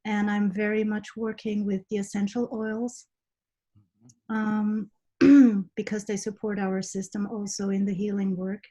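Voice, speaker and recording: A woman's voice: medium pitch, little pitch movement, unhurried, mellow. A woman from Switzerland, a healer, introducing herself earnestly and gratefully on a video call. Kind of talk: heartfelt self-introduction. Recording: dull lo-fi call audio.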